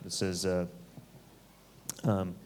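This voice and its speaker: Deep-voiced male panelist, unhurried and thoughtful. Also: completely flat delivery, a little mellow. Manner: measured, thoughtful, with many fillers. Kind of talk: fireside chat on stage.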